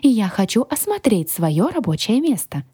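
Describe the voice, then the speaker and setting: A woman's voice: medium pitch, big pitch swings, mellow, slightly rough, no room sound, clean studio sound, pitched above the performer's own voice. A woman reading a haughty genie cook. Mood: indignant. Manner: offended, slow and drawn-out. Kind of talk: audiobook character voice.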